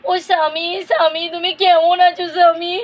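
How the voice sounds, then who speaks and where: A woman's voice: very high voice, flat delivery, normal speed. A woman playing a fretful, wailing village wife. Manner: wailing and scolding, melodramatic. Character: fretful, hot-tempered young village wife. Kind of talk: doll puppet-show voice acting.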